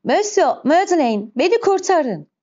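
A woman's voice: very high voice, sing-song, unhurried, a little mellow, highs cut off, pitched above the performer's own voice, full character voice. A woman voicing a desperate, sick young mother who pleads frantically for her child, in an audiobook reading. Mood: pleading. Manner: frantic, crying out.

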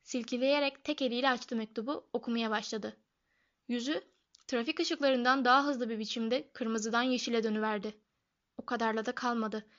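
Lady reading a novel out loud, kinda higher voice, muffled lo-fi sound. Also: fairly even intonation, moderate pace. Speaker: audiobook narrator. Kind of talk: scripted narration.

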